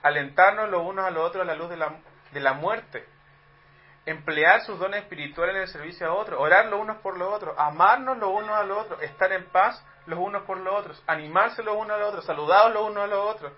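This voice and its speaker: In a church hall, a Chilean man with a Chilean Spanish accent preaches a sermon as if teaching in conversation, posing rhetorical questions to the congregation. His voice sits high and brisk, and the audio is dull.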